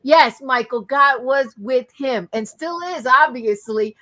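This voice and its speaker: A woman hosting a live talk show, expressive and emotional as she talks about faith. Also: sits high, takes it slowly.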